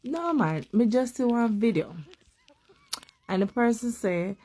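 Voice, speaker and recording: A woman reacts to a video in casual chat, amused and teasing. She talks slowly and takes her time over each thought. A faint hiss of noise sits behind her voice. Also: fairly high pitch, animated, dark tone. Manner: amused, teasing, laughs often. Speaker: reaction commentator.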